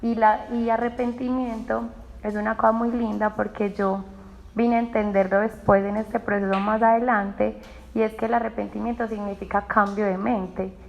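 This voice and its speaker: A woman's voice: mid-range voice, level tone, moderate pace, vocal fry, rough recording. A woman with a Colombian accent telling her personal faith testimony, with emotional storytelling that quotes her own past words. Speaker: testimony speaker.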